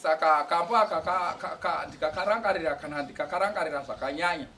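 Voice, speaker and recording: A man gives a heartfelt church testimony at a quick pace, often stumbling and restarting his words. His voice sits a little high. He is caught by a distant mic over faint outdoor sounds, birds among them. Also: bright, forceful tone, slight background noise. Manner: halting, restarts words, emotional. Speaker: evangelist giving testimony.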